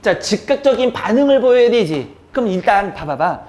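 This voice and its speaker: A male teacher giving a classroom lecture, teasing and scolding his students as he teaches, now and then acting out their reactions in squeaky voices. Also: very animated, fairly quick, darkish tone.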